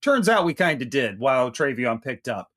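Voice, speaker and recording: A man's voice: medium pitch, very animated, moderate pace, fairly bright tone. A man co-hosting a fantasy football podcast in casual chat, brash and joking, with frequent swearing. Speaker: podcast co-host.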